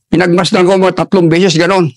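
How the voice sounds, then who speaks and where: An older man, an army veteran, telling a war story in an interview in a halting way, with many restarts, and dropping his voice for quoted lines. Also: sits high, little pitch movement, creaky, no room sound, clean studio sound. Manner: halting, restarts often while recalling combat.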